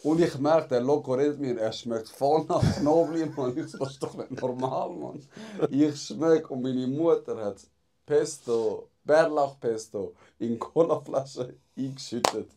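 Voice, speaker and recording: A man's voice: medium pitch, a little slow, mellow, a little hiss or hum. A man, chiming in and laughing with slangy remarks in a casual chat. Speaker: podcast host.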